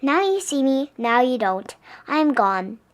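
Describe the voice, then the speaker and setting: A woman voicing a small, polite male mouse in a storybook, courteous, apologetic and gently persistent. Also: high voice, very animated, unhurried.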